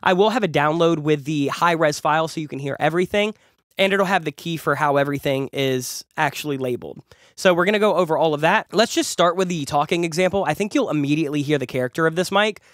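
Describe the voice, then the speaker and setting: A young man, a music producer and YouTube host, speeds eagerly through a casual gear review, chatty and doubling words when excited. His fairly high voice is a little nasal from a cold. Captured close on a large studio condenser, the sound is dry, like a treated home studio.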